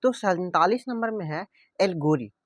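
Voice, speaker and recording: A man's voice: sits high, lively intonation, normal speed, dry recording. A male teacher giving an exam-prep vocabulary lesson, repeatedly asking a question and answering it himself, mixing in English definitions. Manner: repetitive call-and-response questioning, answers own questions; mixes English definitions into explanation.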